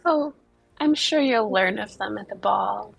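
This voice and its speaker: A woman's voice: mid-range voice, lively intonation, a little slow, vocal fry, breathy edge, soft background music, heavily acted. A woman voicing a wry, unbothered female adventurer with scales, speaking in a dry, teasing, mock-polite way in a tabletop game.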